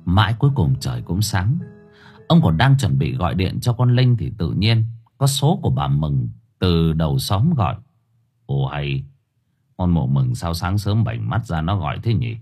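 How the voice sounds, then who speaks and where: Husky deep guy reading a village story aloud, soft music behind. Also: moderate pace. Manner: dramatic, expressive telling. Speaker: audiobook narrator. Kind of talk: storytelling narration. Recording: faint music underneath.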